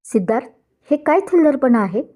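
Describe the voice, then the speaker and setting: A woman's voice: mid-range voice, moderate pace, warm tone, natural voice. A woman voicing a jealous, hot-tempered young husband in a storybook reading, speaking in a raised, accusing voice. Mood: angry.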